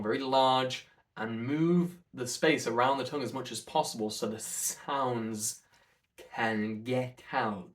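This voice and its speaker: A man coaching an articulation warm-up in an instructional, demonstrative way, with careful enunciation. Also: mid-range voice. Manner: demonstrative, over-enunciates counts and sounds.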